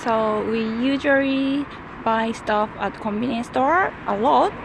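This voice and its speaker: A Japanese woman who speaks English with a Japanese accent as a second language, talking in a shy, halting way in a casual vlog, partly in a convenience store. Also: a little high, vocal fry, noisy background. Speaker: guest vlogger.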